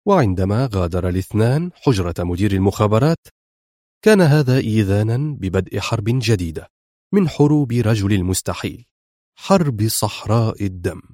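A man narrating a spy novel audiobook in a measured, dramatic reading. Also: fairly low pitch, lively intonation, dark tone, dry recording. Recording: dry close recording.

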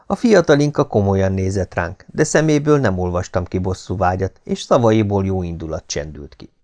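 A man narrating an audiobook in a steady, even reading voice. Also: sits low. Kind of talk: scripted narration.

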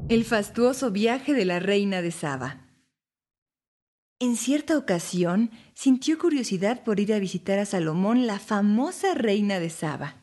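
A woman narrating Bible stories for families in a clear, even storybook reading. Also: mid-range voice, a little slow.

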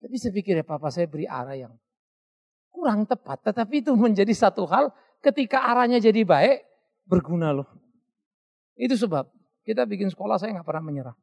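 Gravelly, animated pastor preaching. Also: male voice, high voice. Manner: lively storytelling, mimics voices, laughs at own stories. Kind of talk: sermon.

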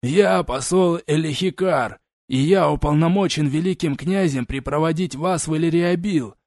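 A man reading an audiobook voices an aged elf ambassador who lectures in a measured, condescending tone. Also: on the high side, darkish tone, no room sound, studio quality, pitched above the performer's own voice, lightly acted.

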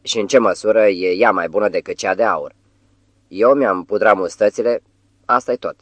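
A man voicing a vain, cheeky talking tomcat jester with a falsely warm, huffy manner. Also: on the low side, no room sound, close to an everyday voice. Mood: offended.

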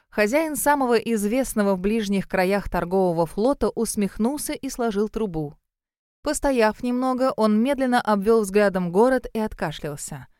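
A woman narrates a fantasy audiobook in a steady, even storytelling manner. Her voice is smooth and clean. It is recorded dry and close to the mic. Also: medium pitch, dry recording.

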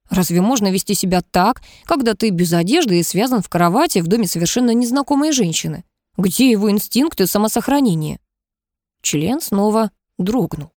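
A woman's voice: mid-range voice, a little mellow, no room sound, clean studio sound. A woman narrating an audiobook in a wry, ironic tone.

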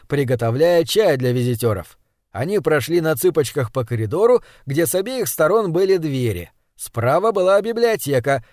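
Expressive male audiobook narrator. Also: a little high, no room sound, clean studio sound. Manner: expressive, plays every voice. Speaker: audiobook reader. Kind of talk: story narration.

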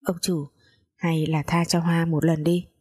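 A woman voicing a gentle, timid young wife who pleads softly in a spoken story. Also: sits low, flat delivery, measured pace, breathy edge. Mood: pleading. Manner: soft, shy pleading.

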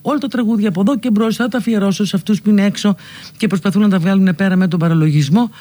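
A sick, feverish woman hosting a radio talk show, teaching and scolding emphatically with sharp swings in pitch. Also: no echo. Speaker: radio host.

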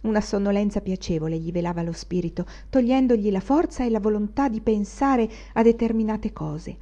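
A woman narrating a literary audiobook in a measured, expressive reading. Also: mid-range voice. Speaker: audiobook reader.

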